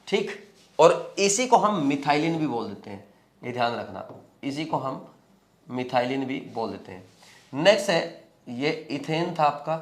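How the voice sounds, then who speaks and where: A man teaching chemistry in a lecture, explaining step by step in mixed with English terms and often checking whether students are following. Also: on the high side. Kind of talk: classroom lecture at a board.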